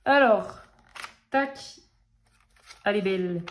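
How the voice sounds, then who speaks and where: A working mother talking quickly and tripping over her words, chatting casually at home as she shows off her art supplies to camera. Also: mid-range voice, slight background noise. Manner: talks fast and stumbles over words; chatty, full of fillers and asides. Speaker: craft vlogger showing art-supply purchases. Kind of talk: casual haul chat to camera. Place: at home, with children nearby.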